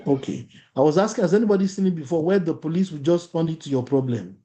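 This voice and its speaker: He talks fast in a dark-toned voice on the high side, facilitating an interactive online workshop. A native Yoruba speaker with a Nigerian accent, he repeats phrases and keeps asking the audience questions.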